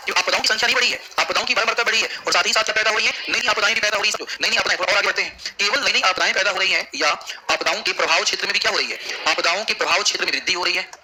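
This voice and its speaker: Male geography teacher, rapid-fire call-and-response lecturing, high bright voice, faint room noise. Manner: drills students with repeated questions. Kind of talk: classroom lecture. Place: classroom.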